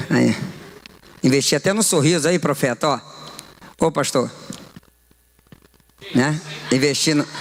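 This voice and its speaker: A man's voice: a little high, a little hiss or hum. A man in his fifties with a Brazilian Portuguese accent, preaching a playful testimony to a church congregation. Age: 50s. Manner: animated and playful, addressing the congregation. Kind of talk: lively joking sermon testimony.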